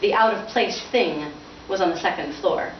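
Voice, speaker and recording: At an informal bookstore event, a woman author whose voice sits on the low side talks at normal speed and reads expressively from her novel. The sound is dull, captured in a noisy, bandlimited, distant, and roomy recording.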